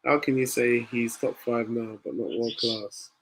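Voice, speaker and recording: A man's voice: mid-range voice, level tone, measured pace, slight background noise. A man hosting a football watch-along stream, teasing his viewers, laughing often and reacting to the play as it happens. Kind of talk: casual live-stream chat.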